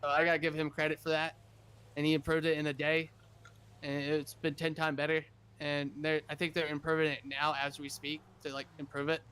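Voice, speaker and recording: A man's voice: a little high, monotone, brisk, a bit bright, smooth. A man playing a governor in a casual roleplay chat, rambling and repeating himself as he talks over others.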